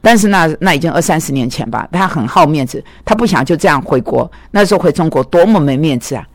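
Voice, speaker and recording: Guy teaching counseling class, gravelly voice, dry close sound, acts out the quotes in his stories. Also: a little high, fast talker, no room sound. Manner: animated storytelling, voices quoted dialogue. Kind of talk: lecture with personal anecdotes.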